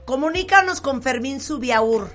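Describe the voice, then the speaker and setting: A woman's voice: high voice, expressive, unhurried, a bit bright, faint music behind. Blunt teasing woman radio host. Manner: blunt, teasing, pushes her question. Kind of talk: casual radio chat.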